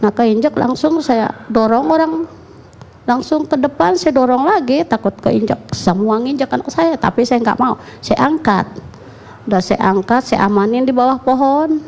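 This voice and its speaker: A woman, her voice gravelly and warm, sitting a little high for her. She tells a mother's first-person account in short, colloquial clauses strung together. Her delivery is plain and direct. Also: normal speed. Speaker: mother giving an interview.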